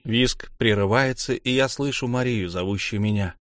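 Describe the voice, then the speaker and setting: A man narrating a first-person novel at an urgent, tense pace. His voice sits at a middle pitch, recorded close and dry with no room sound. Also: moderate pace, a bit bright, no room sound. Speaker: audiobook narrator.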